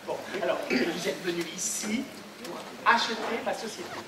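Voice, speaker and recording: A man's voice: high voice, moderate pace, a loud crowd. A man acting in an amateur stage comedy, flustered and bossy, stammering as he gives orders. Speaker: stage actor playing a flustered businessman. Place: theatre stage. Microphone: far room mic. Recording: echoey stage from far off, audience.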